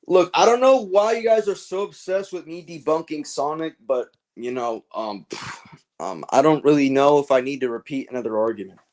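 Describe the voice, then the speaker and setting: A man's voice: a little high, normal speed, a little mellow. A man from California with a standard American accent, streaming casual commentary in a blunt, slangy way. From California, United States. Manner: blunt, slangy, heavy swearing. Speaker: livestreamer answering viewer questions.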